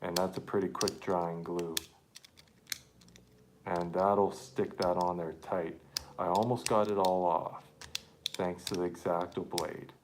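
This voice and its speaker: A man live-streaming an accordion repair, chatting casually and haltingly to viewers while he works with his hands. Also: low voice, flat delivery, noisy background.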